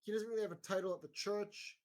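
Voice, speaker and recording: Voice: medium pitch, steady tone, fast. A game master narrating a tabletop game in a casual, rambling way full of fillers.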